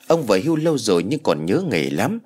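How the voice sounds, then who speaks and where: A male narrator tells an audio story in a lowish, animated voice with plenty of melody. His delivery is expressive, and faint music plays behind him. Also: fairly quick, breathy edge. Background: soft background music.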